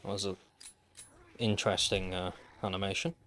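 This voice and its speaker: A man's voice: deep voice, flat delivery, normal speed, a bit bright, a little hiss or hum. A man streaming a survival game, chatting casually to viewers with dry, wry asides. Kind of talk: casual gameplay commentary. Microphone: desk microphone.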